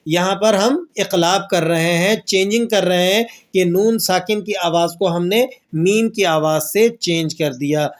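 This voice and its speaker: A man with a fairly high-pitched voice teaches the rules of Quran recitation. He poses questions and answers them himself, and slowly draws out the verses he recites as examples. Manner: slow drawn-out recitation of verses. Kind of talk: tajweed lesson with recited examples.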